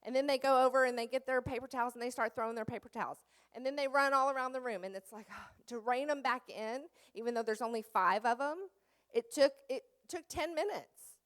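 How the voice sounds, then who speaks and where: A woman's voice: high-pitched, fairly quick, a bit bright. A middle-aged woman giving a teacher training talk in a church, telling classroom stories and acting out the children and her own commands. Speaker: children's Sunday school teacher.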